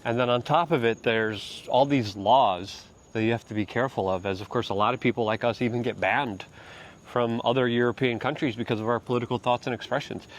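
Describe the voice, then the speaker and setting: A man's voice: mid-range voice, steady tone, brisk, a little hiss or hum. A man from Poland hosting a casual walk-and-talk commentary outdoors, rambling with fillers and restarts. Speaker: host.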